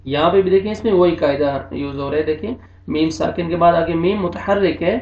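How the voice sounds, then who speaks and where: A male Quran teacher with an Urdu-speaking accent, spelling out letters and vowels and then slowly drawing out each joined word, with brisk explanations of the rules in between. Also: a little high, a little mellow. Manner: quick, matter-of-fact explanations of rules between readings. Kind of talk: recorded online recitation lesson. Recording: dull, roomy home recording.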